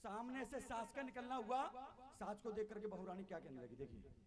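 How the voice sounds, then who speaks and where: High-voiced man hosting a devotional stage show. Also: brisk. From Uttar Pradesh, India. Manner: theatrical, addresses the crowd as devotees. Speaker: devotional singer and stage host. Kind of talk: live devotional show narration with comic skits. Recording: live music played behind.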